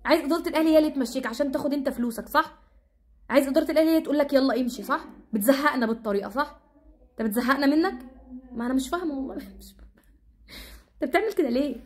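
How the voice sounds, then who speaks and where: A woman's voice: sits high, slight background noise. A woman with an Egyptian Arabic accent giving exasperated, repetitive football commentary in a casual rant. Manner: exasperated, repetitive, rapid-fire ranting.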